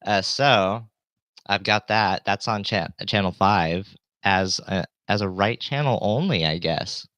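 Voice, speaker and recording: A man giving a rambling, hesitant live tutorial, often trailing off and interrupting himself, with a light low-pass filter on his voice. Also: takes it slowly, a bit bright, no room sound. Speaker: live streamer and synth tutor.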